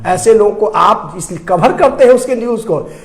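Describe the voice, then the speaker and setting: An Indian man with a Bihar-region accent, serving as a debate guest, delivers fervent political commentary that is emphatic, repetitive and full of rhetorical questions. His high-pitched voice is expressive and moves at a moderate pace.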